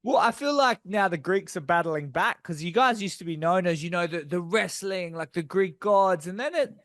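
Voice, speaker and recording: A man's voice: sits high, moderate pace, fairly bright tone, no room sound, studio quality. A man from Darwin hosting an interview, asking long questions full of hesitations and fillers. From Darwin, Australia. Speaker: interviewer host. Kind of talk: casual interview chat.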